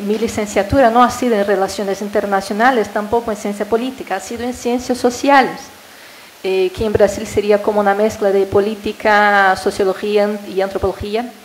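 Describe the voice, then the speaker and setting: A Brazilian woman, a native Portuguese speaker, speaks Spanish with a Brazilian accent as an invited panelist at a university, giving a hesitant academic talk full of fillers and tag questions. Her mid-range voice is a little mellow. The audio is poor, with slight hiss or hum.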